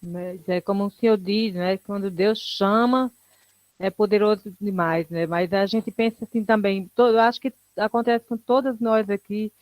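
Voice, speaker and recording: A woman's voice: medium pitch, fairly even intonation, normal speed, no echo. A woman pastor chatting in an online church service over a video call, affirming the preacher in a conversational way.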